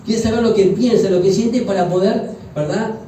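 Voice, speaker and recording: A man's voice: high-pitched, moderate pace, mellow, slight background noise. A man with a Uruguayan accent preaching a sermon as pastor, joking and conversational, often asking the congregation questions. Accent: Uruguayan Spanish. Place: church hall. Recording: echoey church hall from far off.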